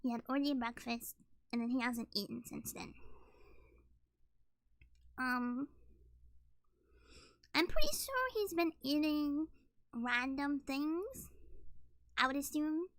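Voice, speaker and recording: A woman's voice: high voice, slow, pauses often, no room sound. A woman in her early twenties with a slightly scratchy voice, chatting casually on a livestream and rambling with many ums and likes. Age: early 20s. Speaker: streamer.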